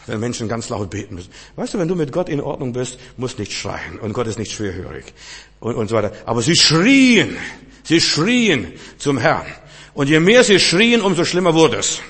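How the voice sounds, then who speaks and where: A husky-voiced man preaches a sermon, pressing his points and then dropping to a hushed tone. His voice rings out with the long reverb of a large hall. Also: mid-range voice. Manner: emphatic, swings between loud and hushed.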